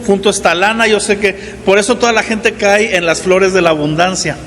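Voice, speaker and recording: A man in his forties preaching a sermon as pastor, talking in a relaxed conversational way and often checking in with the congregation. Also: sits high, a little fast, long reverb tail, slight background noise. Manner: conversational preaching with frequent "¿verdad?" asides. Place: church hall.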